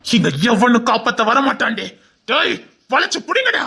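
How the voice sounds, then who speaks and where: A woman voicing a gang of bullying male college students in an audio drama, shouting taunts and orders. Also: a little high, sing-song, normal speed, gravelly, heavy background noise. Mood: jeering. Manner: jeering, barking orders, loud. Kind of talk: Tamil audio drama acting.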